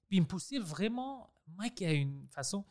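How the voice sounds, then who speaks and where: A man's voice: sits high, normal speed. A man speaking French with an English accent, a podcast host chatting animatedly and acting out what others said. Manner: animated, acts out quoted dialogue, mixes in English words. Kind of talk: casual conversation.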